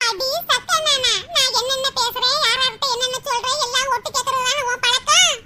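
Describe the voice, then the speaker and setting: A scheming older mother-in-law in a cartoon, shrieking her taunts in a squeaky, very high voice. She nags and mocks without letting up. The recording carries a clear hiss of noise. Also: steady tone, brisk, pushed and bright, heavily acted. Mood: scolding. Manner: scolding, sarcastic, taunting. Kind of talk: cartoon dubbing. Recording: noisy recording.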